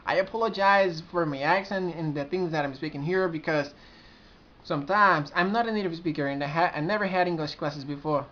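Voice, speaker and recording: On the high side, bright and forceful, this earnest Brazilian man in his 20s is a community administrator vlogging casually to camera. He halts and restarts often. His camera's built-in mic gives the recording a dull, lo-fi sound.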